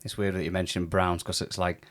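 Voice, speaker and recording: A young man hosting a podcast in a relaxed, chatty way, often pausing on fillers. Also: low voice. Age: young adult. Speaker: podcast host. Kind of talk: casual interview chat.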